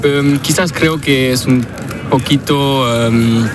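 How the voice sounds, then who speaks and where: Halting man, slow, flat, street noise. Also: medium pitch. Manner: halting, searching for words, many fillers. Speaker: passer-by interviewee. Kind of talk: street interview answers. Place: outdoors on a city street.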